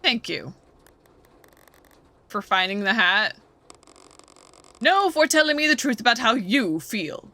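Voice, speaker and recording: A woman voicing a stiff, insecure ringmaster in a game who speaks slowly and formally, like a robot. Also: fairly high pitch, sing-song, pushed and bright, exaggerated voice.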